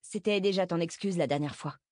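A woman's voice: fairly low pitch, brisk, a little mellow, no room sound, clean studio sound, close to an everyday voice. A woman voicing a curious, protective teenage girl in an audiobook, asking probing, informal questions. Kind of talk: audiobook character voice.

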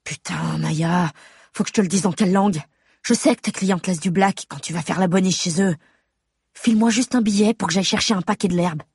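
Woman reading out a coarse drunk dad demanding cash, rough swearing, husky and breathy, dry close sound. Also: lowish voice, a little fast, a little mellow, no echo, full character voice. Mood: angry demanding. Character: drunk angry father, gruff and demanding.

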